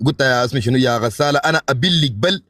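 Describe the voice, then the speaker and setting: Fast, bright-voiced Sudanese man ranting. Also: medium pitch, no room sound. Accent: Sudanese Arabic. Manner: fast, heated ranting with swearing and challenges. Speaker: live streamer. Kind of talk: casual live-stream chat. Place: abroad in the UK.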